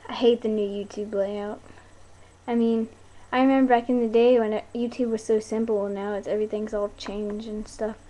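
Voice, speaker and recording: Medium in pitch and mellow, her delivery is flat at a normal speed. A young woman vlogging in a small bedroom, she rambles informally and playfully into a webcam and gets sidetracked easily, with the close-range webcam mic giving noisy, cheap sound.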